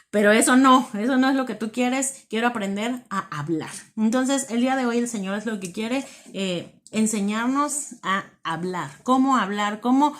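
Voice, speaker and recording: Earnest woman preacher, repeating for emphasis. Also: fairly high pitch. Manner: earnest, repeats words for emphasis, many fillers. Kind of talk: devotional talk.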